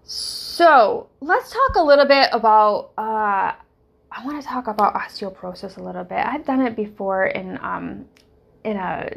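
A woman's voice: mid-range voice, vocal fry. A middle-aged woman with a Southern US accent hosting a casual solo fitness podcast, rambling and thinking aloud with fillers. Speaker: podcast host, fitness coach.

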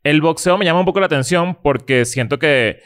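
A Venezuelan man with a slightly raised voice tells stories to his friends. He is animated, and he trips over and repeats his words as he goes. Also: a little high, fairly quick. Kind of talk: casual chat among friends.

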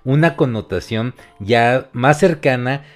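A man's voice: mid-range voice, slow. A man with a Mexican accent, co-hosting a casual chat and explaining things in a loose, talkative way with the odd swear word. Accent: Mexican Spanish. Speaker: co-host.

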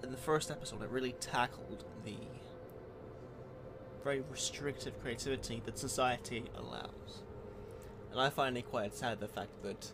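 A young man hosting a conversational podcast interview, speaking in an earnest, wordy and halting way. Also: medium pitch, fairly even intonation. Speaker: podcast host and animator. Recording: clearly noisy background.

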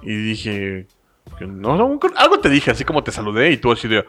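A young man with a Mexican Spanish accent chats and tells stories, full of slang and jokes. His voice is bright and forward. Faint music plays underneath. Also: lowish voice, moderate pace. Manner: slangy, joking, animated storytelling. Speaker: podcast co-host. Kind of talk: casual chat.

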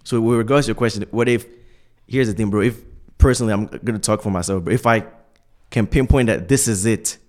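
A man with a fairly low voice in casual conversation. He sounds earnest and explanatory, laying out his view in loose, slangy phrasing. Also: fairly quick, a little mellow.

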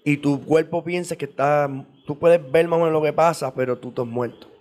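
A man's voice: fairly high pitch, brisk, a little mellow. A man explaining in casual interview talk, at length, with frequent repeats and restarts. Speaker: guest on esoteric topics.

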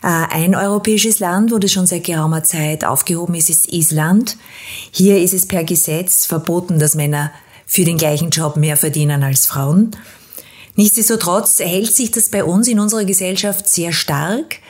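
A woman hosts an interview in a fairly low voice. She asks long, winding questions and often pauses to hesitate before going on. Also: darkish tone, slightly rough. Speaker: podcast host.

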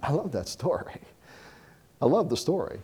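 A man preaching a sermon, telling Bible stories with animated voices and reading scripture slowly. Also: mid-range voice, slightly rough. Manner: animated storytelling, acts out Bible characters; slows down to read scripture.

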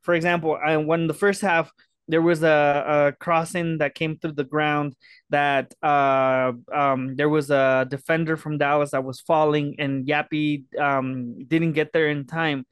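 Higher-voiced man talking tactics, dry sound. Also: flat delivery, clear, resonant tone, no echo. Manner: measured and analytical, heavy on fillers. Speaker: podcast co-host. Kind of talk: casual sports chat.

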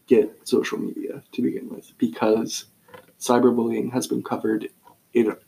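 Gravelly teenage boy, relaxed podcast chat. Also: mid-range voice, moderate pace, rough recording. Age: teens. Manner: relaxed, rambling, searches for words. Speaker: podcast co-host.

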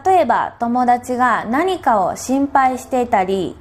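Slow, gentle woman teaching. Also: on the high side, very animated. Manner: gentle, encouraging, acts out example dialogues. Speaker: Japanese teacher. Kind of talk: scripted podcast lesson.

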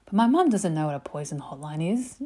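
A woman telling personal stories in a casual, animated way, swearing freely and saying "like" a lot. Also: deep voice, fast talker, breathy edge. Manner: animated, profane, lots of "like". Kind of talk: casual storytelling.

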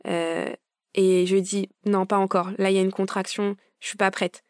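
A woman's voice: medium pitch, moderate pace, no echo. Young woman telling her birth story, gets emotional, does the voices, dry close mic. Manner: animated, acts out quoted dialogue. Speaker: podcast guest. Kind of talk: casual storytelling.

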